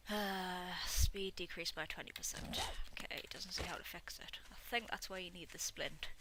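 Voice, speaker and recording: A young woman talks her way through a game in a relaxed, self-mocking chat, at times dropping to a quiet mutter. Her voice sits a little low. A steady hiss of noise runs under the recording. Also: normal speed. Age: young adult. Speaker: gameplay video host. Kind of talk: casual gameplay commentary. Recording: noisy home recording.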